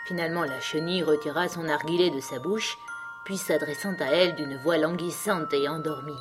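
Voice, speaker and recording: A woman narrating an audiobook in a calm, even storytelling manner. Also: sits low, brisk, over music.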